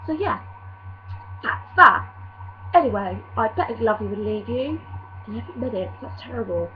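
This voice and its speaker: A young woman vlogs casually, rambling, apologizing for herself, and using lots of fillers, her nose a bit stuffy from a cold. Her voice is fairly high, with lively intonation at a moderate pace. The lo-fi recording sounds dull, with a faint hum.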